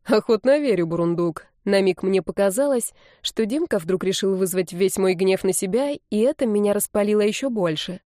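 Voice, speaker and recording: A woman narrating an audiobook in an even, steady manner. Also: medium pitch, normal speed, hardly any pauses, dry recording, studio quality.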